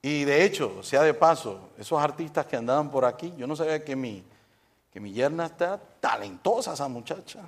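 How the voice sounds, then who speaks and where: A man's voice: mid-range voice, lively intonation, moderate pace. A middle-aged man preaching a humorous sermon at a church service, telling jokes and quizzing the congregation. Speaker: pastor.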